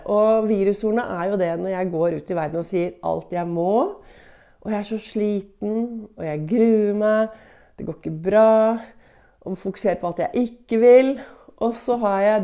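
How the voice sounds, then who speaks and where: A woman's voice: medium pitch, mellow. A middle-aged woman hosting a motivational podcast, coaching upbeat and often asking "ikke sant". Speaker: podcast host and motivational speaker.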